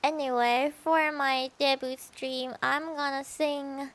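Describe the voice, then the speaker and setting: A woman's voice: high-pitched, steady tone, slow pace, a bit bright. A woman VTuber chatting casually on her stream, rambling and giggly, trailing off into fillers. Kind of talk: casual livestream chat.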